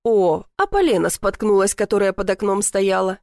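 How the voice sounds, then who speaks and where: A woman's voice: mid-range voice, animated, normal speed, a little mellow, dry recording, studio quality, close to an everyday voice. A woman voicing a mocking eighteen-year-old boy in an audiobook, teasing and smirking. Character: teenage boy twin, mocking.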